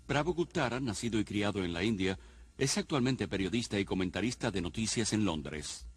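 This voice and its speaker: A man narrating a documentary in a measured, solemn scripted voice-over. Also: lowish voice, expressive, husky. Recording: studio voice-over over loud music.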